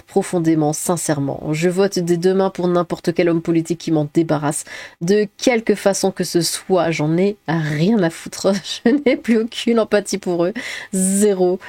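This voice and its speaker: On a close desk mic with no echo, a woman with a low, dark voice streams live, giving blunt, opinionated reaction commentary. She rambles into asides while reading the chat aloud.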